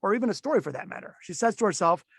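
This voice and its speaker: A middle-aged man teaching a webinar on storytelling in a conversational, animated way, with frequent fillers and restarts, and his voice swinging up and down as he demonstrates. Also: sits high, very fast, gravelly, slightly rough, no echo, studio quality. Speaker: keynote speaker teaching a webinar.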